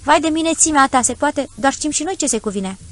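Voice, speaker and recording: A woman's voice: high-pitched, animated, pitched above the performer's own voice. A woman voicing an obsequious, shifty male peasant of about thirty, fawning and evasive in an audiobook story.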